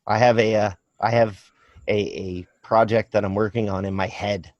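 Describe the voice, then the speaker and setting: A man co-hosting a podcast, speaking in a halting, hesitant way. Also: lowish voice, flat delivery, darkish tone, no echo, dull audio. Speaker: podcast co-host. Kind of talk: casual chat.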